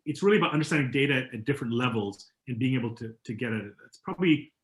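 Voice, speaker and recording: A man speaking as a guest in a webinar, talking casually with quick asides and restarts over a video call. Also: mid-range voice, animated. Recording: roomy echo.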